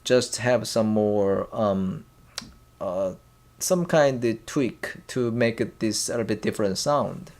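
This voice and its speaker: Slow, halting man teaching. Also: fairly low pitch, vocal fry, darkish tone. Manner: slow and halting, many fillers and restarts, drawn-out sounds for demonstration. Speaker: language teacher. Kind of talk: classroom language lesson.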